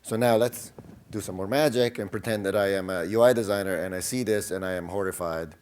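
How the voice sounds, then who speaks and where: A man presenting a live product demo at a conference, his voice turned deep and demon-like by the microphone, talking casually with jokes and many fillers. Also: brisk, a little mellow, smooth. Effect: mic makes his voice sound deep and demon-like. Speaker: conference presenter, company founder. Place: conference hall stage.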